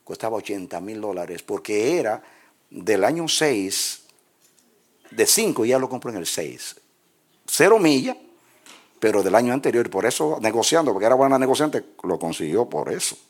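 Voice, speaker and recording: A man in his sixties or older, a pastor, preaching a sermon in a soft, low-key storytelling voice in a church. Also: big pitch swings, normal speed.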